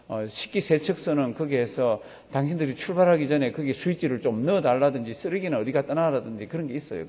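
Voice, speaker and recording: Husky-voiced pastor preaching in a big reverberant hall. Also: male voice, a little high, mellow. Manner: storytelling, acting out quoted voices. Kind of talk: sermon.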